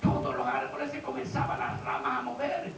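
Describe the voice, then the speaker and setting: High-voiced preacher shouting in an echoey hall. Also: male voice, little pitch movement, brisk, gravelly, soft background music. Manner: questions the congregation, swings from low talk to shouting. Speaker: pastor. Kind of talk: Pentecostal-style sermon. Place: church hall. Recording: roomy, distant, dull and noisy church recording.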